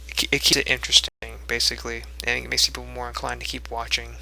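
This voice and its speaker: A man's voice: medium pitch, completely flat delivery, quick pace, vocal fry, pushed and bright. A young man giving casual commentary on his own gameplay video, rambling with many fillers and restarts and a little out of breath.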